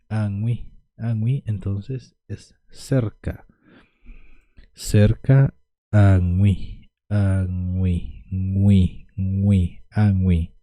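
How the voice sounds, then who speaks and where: Man, language teacher, very dark mellow tone, dry close sound, slow repeated drills. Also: low-pitched, dry recording. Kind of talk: whiteboard language lesson.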